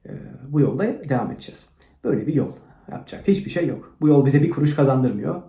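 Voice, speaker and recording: Mellow-voiced man rambling in a roomy space. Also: medium pitch, animated, fast talker. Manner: rambling, crude, self-mocking, swings from mumbling to loud rants. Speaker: channel host. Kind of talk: rambling motivational vlog monologue. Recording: roomy echo.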